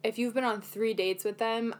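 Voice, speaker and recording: A woman's voice: on the high side, steady tone, moderate pace. A young woman co-hosting a podcast, telling a dating story in a chatty, self-mocking way with lots of fillers. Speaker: podcast co-host. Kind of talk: casual chat.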